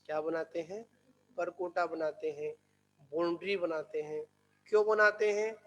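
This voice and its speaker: Slow, high-voiced man teaching scripture. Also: fairly bright tone. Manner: asks the listeners questions and answers them himself; repeats key words slowly. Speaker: Jain monk teacher. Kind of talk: scriptural discourse. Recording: echoey hall.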